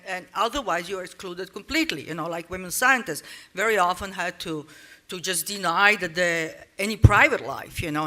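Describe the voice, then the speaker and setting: Woman speaker, bright and forceful, loose and digressive delivery. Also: fairly low pitch. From Serbia. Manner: rambling, with many restarts and "you know" asides. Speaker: speaker at a conference panel. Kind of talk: informal conference talk.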